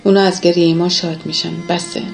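A woman voicing a tender, grieving mother who speaks softly and hushed in a narrated story. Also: lowish voice, little pitch movement, faint music behind, lightly acted. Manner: soft, hushed pleading. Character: weeping, tender middle-aged mother.

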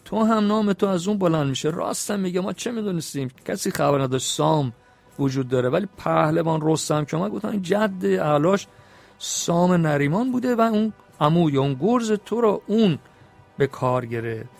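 A man storyteller who recites epic verse slowly and then retells it in plain, chatty speech. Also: on the high side, lively intonation, creaky, soft background music. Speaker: storyteller reading an epic poem.

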